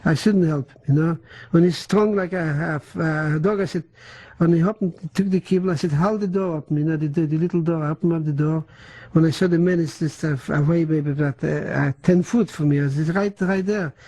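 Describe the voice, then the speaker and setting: An older man who is not a native English speaker gives oral history testimony in a halting way, full of restarts and German words. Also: a little high, fairly even intonation, warm tone, low-quality recording. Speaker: interviewee.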